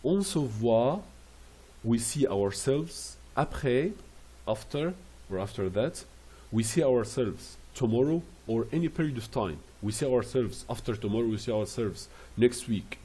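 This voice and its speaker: Slow, husky-voiced man teaching French. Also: medium pitch, animated, mellow. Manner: slow, deliberate, repeats and spells words out syllable by syllable. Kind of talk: language lesson explaining pronunciation.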